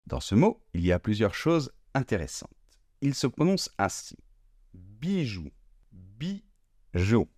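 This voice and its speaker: A man teaching French pronunciation slowly and deliberately, drawing out sounds and repeating each word. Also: fairly low pitch, big pitch swings, darkish tone, no room sound, clean studio sound. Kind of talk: slow, careful pronunciation lesson.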